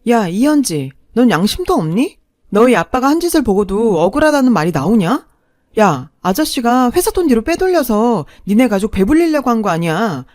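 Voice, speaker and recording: A woman's voice: on the high side, sing-song, normal speed, darkish tone, dry recording, studio quality. A woman voicing a spiteful young woman, a former best friend, who speaks sharply and scornfully, in a storybook reading.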